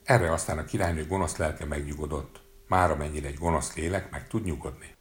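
Deep-voiced man reading a fairy tale. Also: fairly even intonation. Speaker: narrator.

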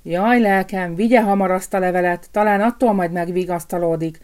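A woman's voice: on the low side, steady tone, a little mellow, lightly acted. A woman voicing a kindly, fussing older female palace cook. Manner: fussing, slow and emphatic.

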